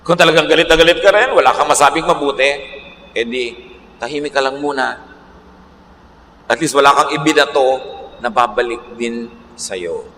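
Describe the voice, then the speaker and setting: A man pastor preaching a sermon, moving between Tagalog and English and slowing down to read scripture. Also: mid-range voice, pushed and bright. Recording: echoey hall, faint background noise.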